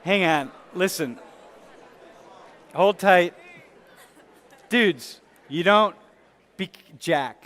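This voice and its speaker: High-pitched and a bit bright, this male professor draws out his words and leaves long pauses. His conversational lecture, full of fillers and restarts and open to student questions, rings with long reverb in a large lecture hall.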